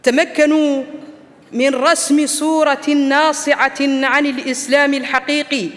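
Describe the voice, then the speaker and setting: A middle-aged woman from Mauritania speaks at a lectern microphone, reading a rousing political speech. Her voice sits very high and rings sharp and bright. A long hall reverb trails each phrase. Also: level tone, measured pace. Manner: emphatic, rousing oratory. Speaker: former parliamentarian giving a speech. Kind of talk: formal political speech read from notes. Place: large banquet hall, indoors.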